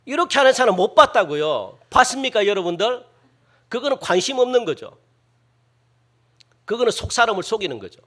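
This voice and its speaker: A male pastor preaching a sermon, questioning his congregation and acting out loud, pleading prayers with strong emphasis. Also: high-pitched, sing-song, fairly quick, long pauses.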